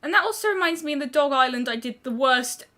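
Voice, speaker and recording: A young British woman streamer chatting casually while drawing, rambling with quick restarts. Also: high voice, expressive, sharp tone.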